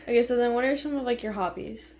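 A woman's voice: fairly high pitch, fast, a little mellow, a little hiss or hum. A woman in her twenties hosting a casual podcast chat, giggly and rambling. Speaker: podcast host.

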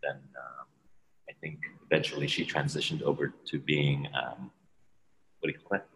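A man who grew up in Hong Kong, a podcast guest chatting casually and relaxed, laughing often between phrases. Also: extremely low pitch, normal speed, gravelly. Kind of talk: casual chat. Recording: roomy with long reverb.

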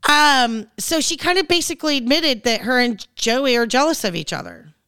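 A woman's voice: high voice, lively intonation, moderate pace, sharp tone, clean tone, no echo. A woman hosting a casual reality-show recap podcast, chatting in a gossipy, rambling way. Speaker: podcast host.

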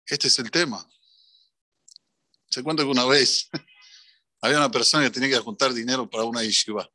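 A man with an Argentine accent, a religious teacher giving an animated storytelling sermon. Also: medium pitch, fairly quick, dry recording, studio quality. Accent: Argentine Spanish. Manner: animated, swings between voices.

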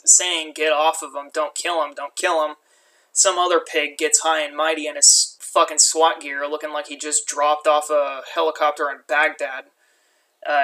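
A man's voice: on the high side, pushed and bright, rough recording. A young man giving angry, profane, unscripted commentary as an activist.

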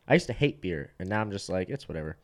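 A man's voice: low voice, very animated, fast talker. A man in his twenties, a comedian, chatting loosely, laughing often and swearing. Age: 20s. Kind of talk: casual chat.

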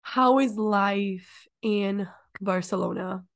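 A woman hosting a podcast, chatting in a relaxed way and asking her guest friendly, open questions. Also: medium pitch, slow pace. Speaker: podcast host. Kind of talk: casual podcast interview.

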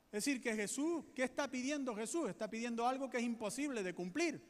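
A man's voice: very high voice, lively intonation. Spanish pastor guy preaching, earnest, drags out the big points, big echoey hall. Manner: earnest preaching, slows right down for emphasis. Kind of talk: sermon.

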